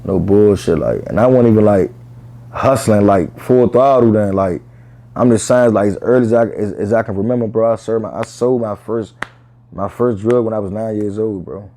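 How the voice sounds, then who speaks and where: A man's voice: fairly low pitch, moderate pace, mellow. A man speaking candidly in an interview about his own life, in casual, profane street slang peppered with "bro" and "you know what I'm saying". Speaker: interview guest.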